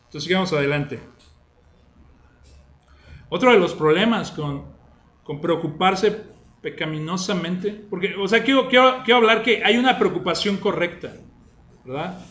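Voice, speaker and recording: A man's voice: high voice, normal speed, pauses often, a bit bright, roomy sound. A man preaching a sermon in a conversational way, often asking his listeners rhetorical questions. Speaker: pastor.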